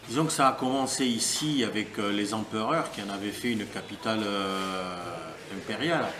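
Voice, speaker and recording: A middle-aged man from France, answering interview questions in a thoughtful, measured and lyrical way with pauses. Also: on the low side, background noise. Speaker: interviewee helping at a family guesthouse. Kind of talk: casual interview. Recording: roomy sound with crowd chatter behind.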